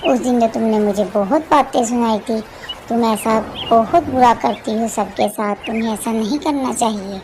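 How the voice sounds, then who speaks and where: Woman playing a frail old auntie, high voice, noisy recording. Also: lightly acted. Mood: weary. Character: sickly old woman, kind but fed up.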